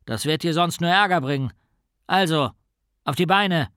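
A man reading a storybook and voicing a big, gruff policeman on night patrol who barks orders in a pompous way. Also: medium pitch, normal speed, fairly bright tone, no echo, studio quality, close to an everyday voice. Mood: barking. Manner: barking, bossy, pompous.

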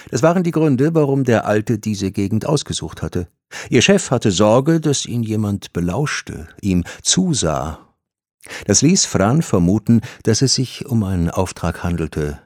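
A man reading an audiobook as narrator, telling the story in a steady, measured way. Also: low voice, no room sound, studio quality.

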